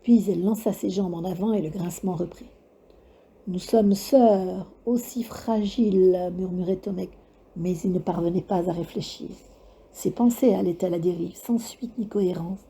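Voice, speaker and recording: A woman narrating a children's novel aloud in a steady, suspenseful storytelling manner. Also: fairly low pitch, fairly quick, slightly rough.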